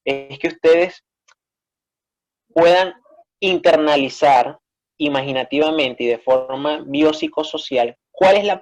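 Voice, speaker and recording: Male teacher, Peruvian accent, patient explanatory delivery, even middle voice. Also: mid-range voice. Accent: Peruvian Spanish. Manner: explanatory, frequent checking "¿sí?". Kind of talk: online class instruction.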